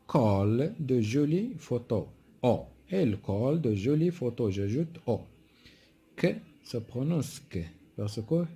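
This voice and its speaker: A man gives a spelling lesson at a very slow, deliberate pace. His voice is husky and mellow, and he repeats each word and letter one at a time. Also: mid-range voice. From Morocco. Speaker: primary school French teacher. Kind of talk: spelling lesson, reading words aloud.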